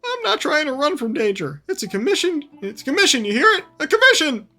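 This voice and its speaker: A woman's voice: high voice, big pitch swings, fast talker, sharp tone, faint music behind, voice pushed up, heavily acted. A woman voicing a nervous young male scholar who stammers and talks jittery in a game voice reading. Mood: flustered.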